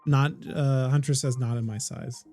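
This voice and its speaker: A man's voice: mid-range voice, steady tone, normal speed, mellow, faint music behind. A man casually chatting with his chat while streaming a game, laughing often and trailing off into restarts.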